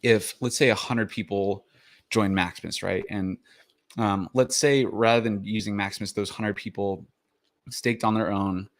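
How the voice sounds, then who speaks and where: A man's voice: on the low side, steady tone, moderate pace. A man hosting a crypto explainer, talking casually with many fillers and restarts, a little out of breath after the gym. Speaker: crypto video host.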